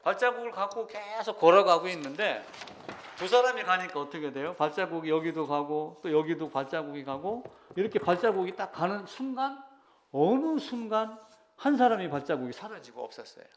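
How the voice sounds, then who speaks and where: A man's voice: high-pitched, lively intonation, fairly quick. A man preaching a sermon as pastor, reading scripture aloud and asking the congregation questions.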